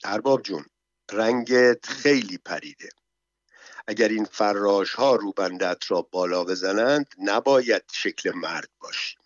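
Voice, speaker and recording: A man's voice: fairly low pitch, no room sound, close to an everyday voice. A man reading a storybook, voicing a sly, cheerful male servant who coaxes his master along, on a dull, dry recording. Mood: coaxing. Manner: coaxing, lively, in broken foreign phrases.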